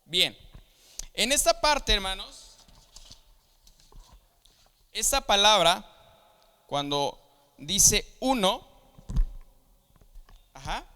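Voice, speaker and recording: A man's voice: high-pitched, animated, drawn-out words, long pauses, pushed and bright, clean tone. A man, preaching a Bible lesson, who explains things step by step and keeps checking that his listeners follow. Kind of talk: Bible teaching. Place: church hall. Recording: long hall reverb.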